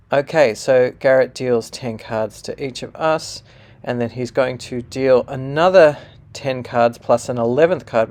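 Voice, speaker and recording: A man's voice: mid-range voice, creaky, a little mellow. A man patiently explaining a card game hand as he plays, with fillers and self-corrections.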